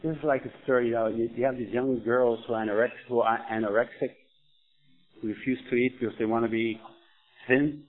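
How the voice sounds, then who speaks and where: A man's voice: mid-range voice, flat delivery, a little fast. A man earnestly explaining religious views in discussion, telling stories and asking questions, heard as tinny phone-like sound. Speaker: religious speaker. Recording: tinny phone-like line with faint noise.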